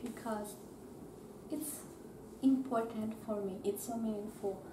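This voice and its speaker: Slow-spoken young woman from Madagascar. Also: on the high side, fairly even intonation, warm tone. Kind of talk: casual interview answers. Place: small dormitory bedroom. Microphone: far camera. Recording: roomy, distant, noisy.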